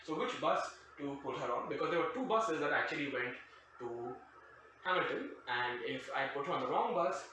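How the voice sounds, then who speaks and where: A man's voice: fairly high pitch, animated, normal speed, pushed and bright. A man telling a casual comic anecdote in a wry, sarcastic, digressive way. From grew up outside the country where they now live. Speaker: storyteller, host of a storytime show. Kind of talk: casual comedic anecdote storytelling. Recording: very echoey room, distant mic, faint noise.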